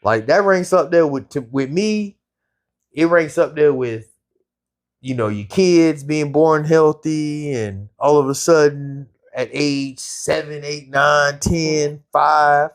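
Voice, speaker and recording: A man co-hosting a podcast in casual chat, telling stories with lively sound effects. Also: fairly high pitch, slow pace. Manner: animated storytelling with sound effects. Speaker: podcast co-host.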